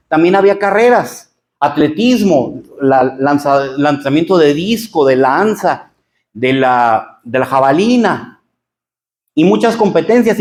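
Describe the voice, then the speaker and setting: A man's voice: sits high, roomy sound. A man with a Mexican Spanish accent teaching a church Bible lesson, explaining patiently and addressing listeners as brothers. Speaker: pastor teaching a Bible class. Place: church hall.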